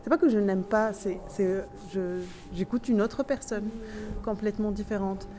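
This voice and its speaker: Over music, a woman from Tunisia responds to interview questions in French, carefully and haltingly, with frequent pauses and restarts. Her first language is Tunisian Arabic, which lends a light accent, and her medium-pitched voice is slightly nasal.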